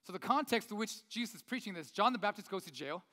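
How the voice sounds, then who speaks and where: A man's voice: sits high, animated, fast talker. A man preaching a chatty sermon as a pastor, reading scripture and correcting himself as he goes, his voice ringing with a big hall echo. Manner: chatty, self-correcting, often adds "right?". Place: church hall. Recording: loud voice in an echoey hall.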